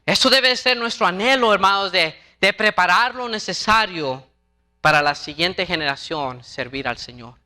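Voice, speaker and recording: A man's voice: high-pitched, normal speed, pushed and bright. A man preaching a sermon in an impassioned way, often asking "right?" and repeating words as he goes. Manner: impassioned, tags lines with "¿verdad?".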